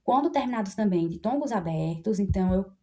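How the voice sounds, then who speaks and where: A woman's voice: mid-range voice, lively intonation, dark tone. A woman teaching a grammar lesson, explaining step by step and often checking in with her students. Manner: explains slowly with many checks like "né?" and pointing "ó". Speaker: Portuguese language teacher.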